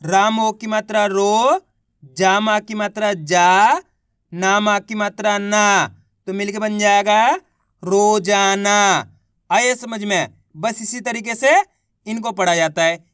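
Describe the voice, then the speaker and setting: A man teaching beginners to read, spelling out each syllable slowly and then blending it into a word, encouraging his viewers as friends. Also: high voice, fairly even intonation, a bit bright, smooth, no echo, studio quality. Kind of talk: slow syllable-by-syllable reading lesson.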